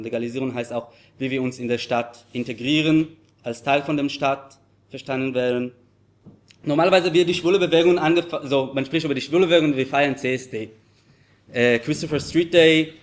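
A man from Israel gives a public talk in a language that is not his first. His voice sits at an ordinary middle pitch. He speaks haltingly, with frequent fillers and restarts. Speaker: lecturer. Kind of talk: public lecture. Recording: audio recording of a talk.

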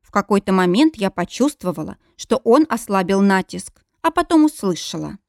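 A woman narrating an audiobook in the first person, with an expressive, tense and dramatic delivery. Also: mid-range voice, moderate pace, vocal fry, no echo, clean studio sound.

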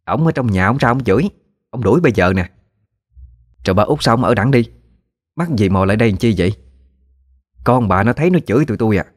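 A man's voice: medium pitch, expressive, quick pace, pauses often, no room sound, clean studio sound, close to an everyday voice. A man voicing a bossy middle-aged woman, commanding and reproachful.

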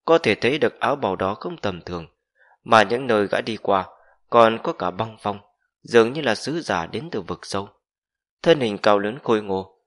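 Man, audiobook narrator, low voice, steady measured reading, fantasy novel.

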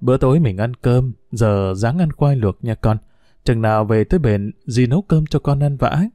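A man voicing a gentle aunt who talks in a soft, coaxing way. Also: medium pitch, animated, normal speed, no room sound, clean studio sound, natural voice. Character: gentle, cheerful aunt comforting a child.

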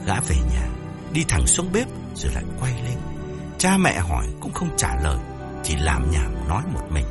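A man narrating an audiobook story in an expressive, dramatic storytelling manner. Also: very deep voice, normal speed, over loud music.

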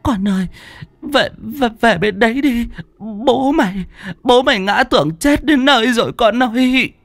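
A man's voice: very high voice, lively intonation, a little slow, gravelly, a bit bright, no room sound, voice pushed up, full character voice. A man voicing a distraught old peasant woman, wailing and pleading.

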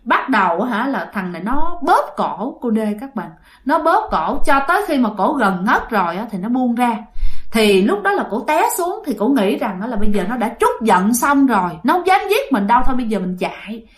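A woman's voice: a little high, big pitch swings, normal speed. A woman with a Southern Vietnamese accent telling a ghost story, chatty and dramatic, addressing her listeners directly. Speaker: storyteller host.

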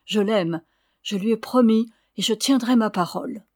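A woman reading aloud voices a gentle young orphan who speaks up firmly and earnestly. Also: medium pitch, expressive, normal speed, no echo, studio quality, lightly acted. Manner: firm, earnest.

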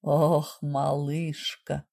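A woman voicing a passionate, devoted adult man who speaks insistently and tenderly in a husky low murmur, for an audiobook romance. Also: flat delivery, drawn-out words, dark tone, heavily acted. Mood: hoarse whisper.

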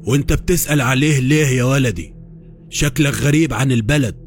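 A man's voice: medium pitch, brisk, soft background music, lightly acted. A man voicing a kindly old village man with an Upper Egyptian accent, hearty and sorrowful in an audio horror story. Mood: earnest. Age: older.

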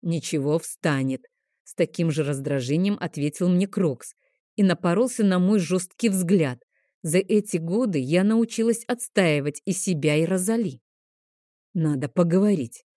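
Low, mellow woman narrating an audiobook. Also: no echo, studio quality. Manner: lively, expressive storytelling. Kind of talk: first-person audiobook narration.

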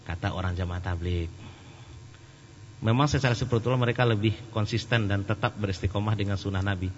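A man's voice: on the low side, fairly even intonation, fairly quick. Middle-aged male preacher, joking and chatty, answers questions in a reverberant hall. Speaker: Islamic preacher. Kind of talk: sermon with audience questions. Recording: echoey hall, dull and slightly noisy.

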